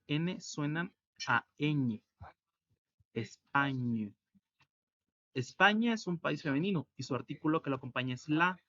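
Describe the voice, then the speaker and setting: A man teaching a French lesson online, explaining slowly and repeating each word. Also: medium pitch, a bit bright, dry recording, dull audio. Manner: slow, careful explanation, repeating words.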